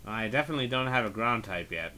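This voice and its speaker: A man giving casual, relaxed commentary while he plays a video game, thinking aloud as he goes. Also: lowish voice, fast. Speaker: streamer.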